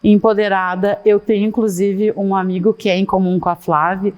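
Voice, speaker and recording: A middle-aged woman, a guest in a casual interview, talking at length and in an animated way with many asides. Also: medium pitch, normal speed, muffled recording. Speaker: guest, fashion consultant.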